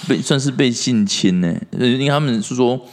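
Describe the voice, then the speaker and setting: A man's voice: medium pitch, a little fast. A man chatting casually on a podcast, explaining things at length and often stumbling over and repeating his words. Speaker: podcast co-host.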